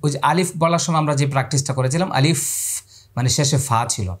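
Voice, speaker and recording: A man teaching Quran pronunciation step by step, explaining calmly and then drawing out each letter sound in long calls. He asks his own questions and answers them for the viewer. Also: medium pitch, fairly quick, husky.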